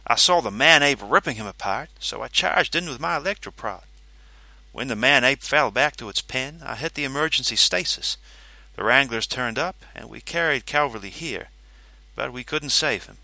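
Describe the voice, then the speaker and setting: A man's voice: mid-range voice, expressive, normal speed, vocal fry, pushed and bright, dry recording, voice pushed up, heavily acted, poor audio. A man doing a shaken, blunt monster breeder. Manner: blunt and accusing.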